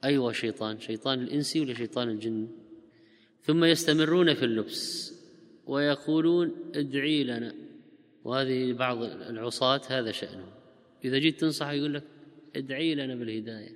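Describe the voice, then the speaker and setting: A man delivers a religious question-and-answer lecture in a voice of ordinary middle pitch. He rattles off listeners' questions quickly, then settles into long, steady explanations. A long reverb trails behind his words.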